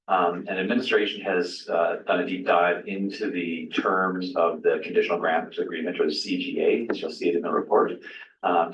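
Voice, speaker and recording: A man giving a formal report as a municipal administrator in a measured, procedural way. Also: low-pitched. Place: indoor council chamber. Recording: distant, echoey, dull room sound with noise.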